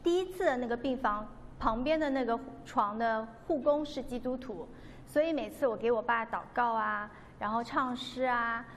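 Woman, fairly high voice, earnest testimony, long reverb with faint background noise. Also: moderate pace. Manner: earnest, devout, re-enacts dialogue. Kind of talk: personal testimony storytelling.

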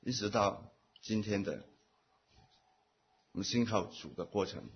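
Man, husky and low, church testimony in short pauseful phrases, muffled lo-fi recording. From Taiwan. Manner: speaks in short phrases, pausing for an interpreter. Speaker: church member giving testimony. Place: church meeting.

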